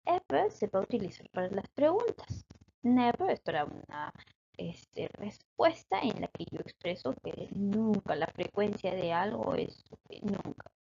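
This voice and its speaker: A woman's voice: medium pitch, creaky, dark tone, slightly rough. Woman teaching English grammar, lo-fi sound. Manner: explains patiently, checks in with "¿ok?". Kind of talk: grammar lesson.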